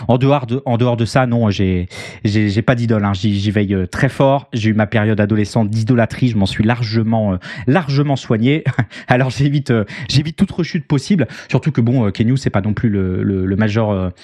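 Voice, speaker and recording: A man's voice: fairly low pitch, fairly quick, a little mellow, no echo. A man, chatting casually as an interview guest in a hesitant, wordy, self-deprecating way. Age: 30s. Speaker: interview guest, online show host.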